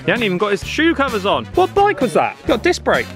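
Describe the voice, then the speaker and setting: A man hosting a vlog from a windy hillside road, shouting encouragement at passing riders and joking about himself. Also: sits high, wildly swooping pitch, fast. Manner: loud cheering, jokey and self-mocking. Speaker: vlogger host. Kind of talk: roadside commentary and banter. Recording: music playing under the voice.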